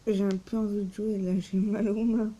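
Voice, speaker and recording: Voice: mid-range voice, little pitch movement, moderate pace, dark tone, low-quality recording. A young player chatting casually as the second person in a gameplay video. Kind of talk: casual gaming chat.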